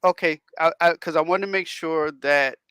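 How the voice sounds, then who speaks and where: A man hosting a talk radio show, chatting loosely with his guest and laughing often. His voice is bright and smooth, a little higher than most men's, and the sound is dry and close. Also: fairly even intonation, normal speed, no echo. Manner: laughs often, rambling questions with restarts. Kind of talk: casual interview chat.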